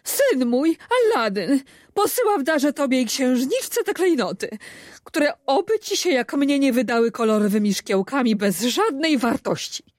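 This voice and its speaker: A woman voicing a timid older peasant mother who pleads before a ruler in high, breathy tones. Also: sing-song, unhurried, darkish tone, dry recording, studio quality. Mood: shrill.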